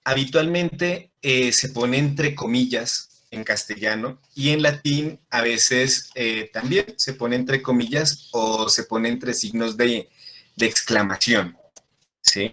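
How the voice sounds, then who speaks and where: A man with a medium-pitched voice speaks slowly, his tone bright and forceful. He's teaching a Latin class, explaining things patiently and frequently stopping to ask his students questions.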